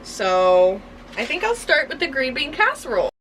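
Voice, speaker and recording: A young American woman chatting casually to viewers inside a small trailer, upbeat and informal, thinking out loud. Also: high-pitched, very animated, normal speed, slight background noise, poor audio. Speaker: vlogger.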